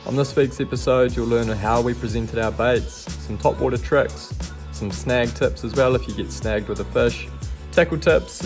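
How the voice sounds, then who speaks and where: Lowish New Zealand man over guitar music. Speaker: fishing show host. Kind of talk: casual scripted voice-over introduction.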